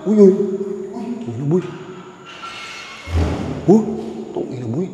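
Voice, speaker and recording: A man's voice: high voice, very animated, slow, dull audio, faint music behind. A man exploring an abandoned hospital, narrating nervously, cursing constantly and repeating himself. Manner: jittery, swears constantly, repeats words, drops to a hush. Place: empty hospital corridors indoors. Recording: echoey hall reverb, faint noise.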